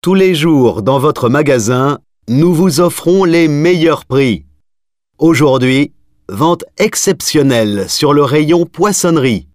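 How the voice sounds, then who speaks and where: A man reading an in-store promotional announcement slowly and clearly for a listening exam. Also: on the high side, animated, a little mellow, no echo, studio quality. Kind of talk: scripted in-store advertisement.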